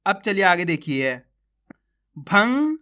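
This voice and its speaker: A man teaching beginners to read, sounding out words slowly and repeating each one, then explaining the steps in a chatty voice. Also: sits high, sharp tone. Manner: slow, drawn-out word-by-word reading drills. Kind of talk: Hindi reading lesson.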